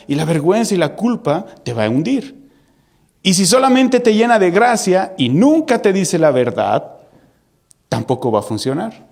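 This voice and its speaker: Animated male preacher with lively pitch. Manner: animated, acts out quoted voices, rhetorical questions. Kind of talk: sermon.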